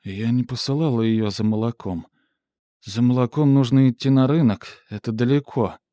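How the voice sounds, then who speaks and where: A man voicing a stunned mother who speaks in a flat, lifeless voice. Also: medium pitch, normal speed, dry recording, clean studio sound, natural voice. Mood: numb. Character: stunned mother, older woman.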